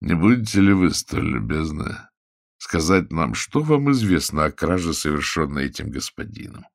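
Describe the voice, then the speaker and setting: A man's voice: a bass voice, very animated, moderate pace, creaky, dry recording, studio quality, exaggerated voice. A man voicing an officious, formally courteous police sergeant in a spoken story.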